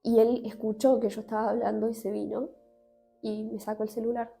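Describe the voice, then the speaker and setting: A woman with an Argentine accent gives an emotional personal testimony in an interview. She speaks haltingly, with many restarts and fillers. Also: fairly high pitch, level tone, gravelly, dark tone, soft background music. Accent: Argentine Spanish.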